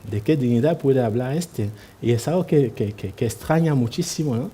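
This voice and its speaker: A man's voice: medium pitch, lively intonation, moderate pace, warm tone, slightly rough. A man speaking at a party assembly, telling anecdotes in a hesitant way, with many tag questions and restarts. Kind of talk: anecdotal public speech. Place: assembly hall.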